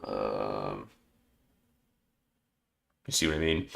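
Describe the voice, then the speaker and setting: A man hosts a casual livestream, chatting and muttering to himself with small exclamations as he sorts through cards. His very deep, gravelly voice is a bit bright and animated, yet he speaks extremely slowly.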